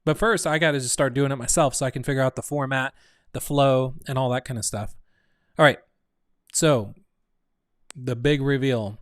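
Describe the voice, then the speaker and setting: A man's voice: mid-range voice, moderate pace, long pauses, no echo, studio quality. A man hosting a casual live stream for his online community, rambling and thinking aloud, often restarting his sentences. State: hiccuping. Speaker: community host.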